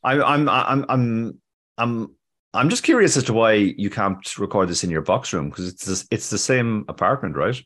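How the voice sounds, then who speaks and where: A man co-hosting a podcast in casual chat, halting and often repeating words as he starts. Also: fairly low pitch, lively intonation, fairly bright tone. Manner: halting, stammered repetitions. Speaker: podcast co-host.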